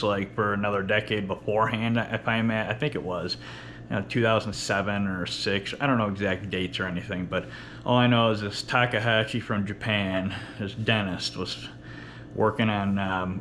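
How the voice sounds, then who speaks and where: A man with a fairly low voice rambles through a casual workout vlog. He speaks with a lisp and whistling s, blunt and full of swearing. There is faint room noise behind him. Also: a bit bright. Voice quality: lisp with whistling s, from missing top teeth. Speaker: workout vlogger. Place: indoor home workout space with running fridge.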